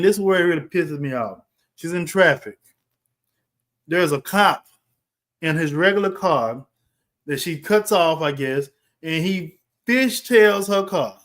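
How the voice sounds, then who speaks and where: Animated man ranting through a live film review. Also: high voice. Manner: animated, exasperated, talks in bursts with restarts. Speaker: livestream host reviewing a film. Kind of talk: casual live reaction commentary.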